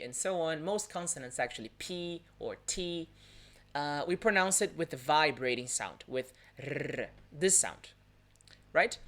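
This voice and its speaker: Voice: mid-range voice, a bit bright. Teacher who keeps asking "right?". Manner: keeps checking in with "right?" and demonstrates sounds. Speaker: Portuguese teacher. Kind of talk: live online language lesson. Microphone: phone or laptop mic on a livestream.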